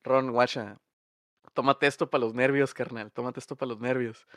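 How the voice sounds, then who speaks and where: Un hombre haciendo de chico mago atrevido, muy chilango. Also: male voice, medium pitch, steady tone, normal speed, fairly bright tone, clean tone, no room sound, clean studio sound, close to an everyday voice. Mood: coaxing. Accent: Mexican Spanish. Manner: slangy, pushy. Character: teenage boy wizard, blunt and cheeky.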